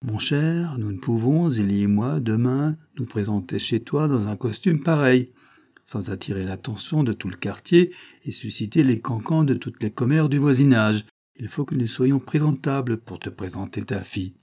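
A man's voice: mid-range voice, lively intonation, normal speed, dark tone. A man voicing a sly, smug fairground showman who patronizes and blackmails his accomplice. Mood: coaxing. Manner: smooth, mocking, patronizing.

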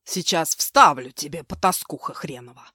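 A woman's voice: low voice, normal speed, bright, forceful tone, breathy edge, no room sound, studio quality, voice pushed down, heavily acted. A woman voicing a vicious, drunken husband who snarls coarse threats, read in an audiobook. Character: brutal drunken husband, male adult, vicious.

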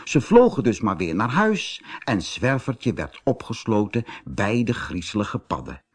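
A man narrating a children's fairy tale audiobook in a slow, expressive storytelling manner. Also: lowish voice, slightly rough.

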